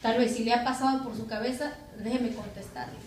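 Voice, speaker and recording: Woman pastor, high voice, preaching, recorded from afar in an echoey church. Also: steady tone, brisk, a little mellow, far from the mic, slight background noise. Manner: preaching with rhetorical questions to the congregation. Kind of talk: sermon. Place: church hall.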